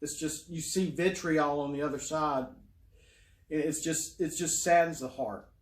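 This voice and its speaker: A man's voice: a little high, fairly even intonation, measured pace, reverberant. A middle-aged man rambling in a casual monologue, full of fillers and restarts. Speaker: YouTuber.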